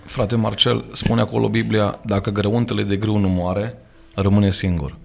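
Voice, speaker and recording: This pastor, a guest on a studio podcast, speaks with a Romanian accent in a preaching manner, earnest and emphatic, weaving scripture quotes into his talk. His fairly low, creaky voice stays mostly level in pitch.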